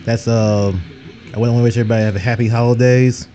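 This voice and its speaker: Mellow, rambling man on a dull recording. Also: medium pitch, level tone, quick pace. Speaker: food review vlogger. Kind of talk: casual product review chat. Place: indoors at a table. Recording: dull lo-fi camera microphone.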